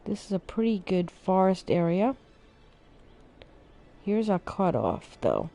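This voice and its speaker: Female game streamer, drowsy and easygoing, dark mellow tone, unhurried delivery. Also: mid-range voice, vocal fry. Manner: relaxed, thinking aloud, unhurried. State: sleepy, yawning. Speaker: streamer playing a city-building game. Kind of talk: casual gameplay commentary.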